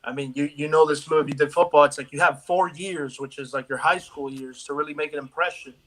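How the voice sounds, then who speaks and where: A man's voice: fairly high pitch, fairly even intonation, quick pace, fairly bright tone, low-quality recording. A man from Miami, a guest actor on a video call, telling his story in an easygoing way and using "bro" and "dude". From Miami, USA. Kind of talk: casual interview chat.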